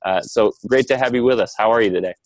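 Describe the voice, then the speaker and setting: A mid-range male voice moves fast as he casually hosts a webinar panel on an online video call, keeping the conversation informal. The audio has no echo.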